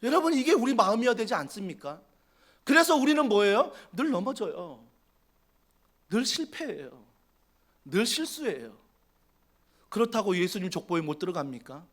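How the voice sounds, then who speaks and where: A man preaching a sermon in a church, animated and full of rhetorical questions. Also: high voice, moderate pace, long pauses. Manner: animated, rhetorical questions, acts out quoted voices. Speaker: pastor. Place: church sanctuary.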